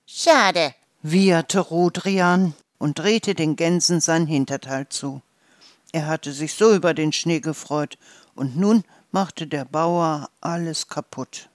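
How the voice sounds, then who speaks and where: A storyteller reading a children's story aloud in a calm, measured way. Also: medium pitch, no echo, studio quality.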